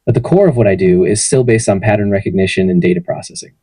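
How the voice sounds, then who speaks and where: The voice here is a synthetic male AI assistant, low and husky, talking fast in a dry recording. Its conversational interview answers are friendly, polished, and evenly delivered.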